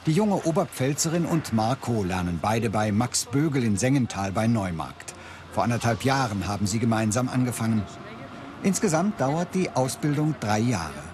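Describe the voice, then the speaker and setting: A man delivering clear, measured scripted narration for a documentary. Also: medium pitch, lively intonation, noisy background.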